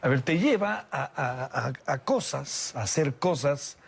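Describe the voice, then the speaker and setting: A man's voice: mid-range voice, expressive, measured pace, creaky, breathy edge. A man hosting an interview, conversational, chiming in with short agreements and follow-up questions. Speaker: interviewer, host. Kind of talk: casual interview talk.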